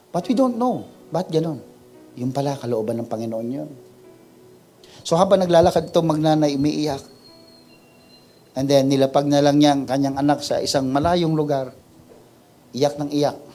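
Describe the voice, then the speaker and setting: A man preaching an emotional sermon in a church, building from quiet reflection to loud, drawn-out cries. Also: medium pitch, lively intonation, faint music behind. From Philippines. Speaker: pastor. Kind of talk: impassioned sermon mixing Tagalog and English. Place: church service before a congregation.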